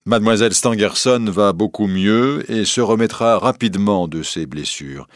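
A man's voice: on the low side, moderate pace, no echo, clean studio sound, natural voice. A man voicing a grieving, weary elderly professor in an audiobook reading, in a subdued, heavy manner. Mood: grave.

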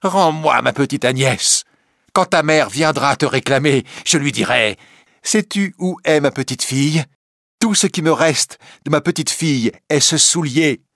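A man's voice: mid-range voice, big pitch swings, slow pace, creaky, a bit bright, no room sound, studio quality, voice pushed up, full character voice. A man reading a story aloud, voicing a grieving, vengeful old female recluse who mourns her lost child. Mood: wailing grief. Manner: bitter, grief-stricken, wailing.

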